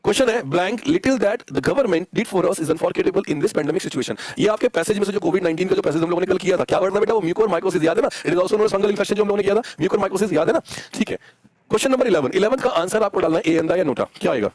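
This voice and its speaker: A man's voice: high voice, lively intonation, fairly quick, darkish tone, no echo. A young man with an Indian accent teaching a live online English class, coaxing students and spelling words out letter by letter.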